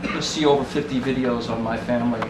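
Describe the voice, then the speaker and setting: A man's voice: medium pitch, steady tone, fast talker. A man casually introducing himself at a storytelling circle, boastful and chatty. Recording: echoey room with loud background noise.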